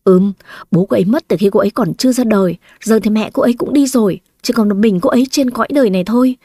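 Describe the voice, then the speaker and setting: Casting: calm young male baker, reasoning and soothing, mellow and higher than most, dry close read, as a woman narrator puts him on. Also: fast talker, no room sound, natural voice. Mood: sympathetic. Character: young man, calm baker who took over the shop.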